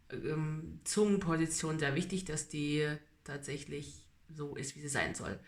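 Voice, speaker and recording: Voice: mid-range voice, fairly bright tone. A person talking casually in a personal video diary, speaking with braces in the mouth. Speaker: vlogger giving a personal treatment update. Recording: roomy, echoing home recording.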